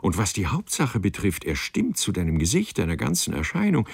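A man's voice: lowish voice, huge pitch swings, brisk, gravelly, husky, no echo, voice pushed up, heavily acted. A man voicing a genial, condescending aristocratic governor in a read-aloud story. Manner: friendly, enthusiastic, patronizing.

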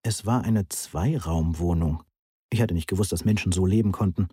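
A man narrates a novel in the first person, measured and understated. His voice is low, dark and slightly husky. The recording is close and dry, with no room around it. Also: no echo. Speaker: audiobook narrator.

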